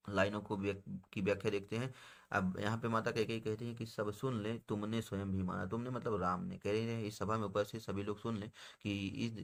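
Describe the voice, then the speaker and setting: A man teaching a poem to students, with a low voice that stays level and seldom rises or falls. He reads each verse slowly, then paraphrases it in everyday words, and keeps calling his viewers friends. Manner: addresses viewers as friends, with frequent filler phrases. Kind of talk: explaining a Hindi poem line by line.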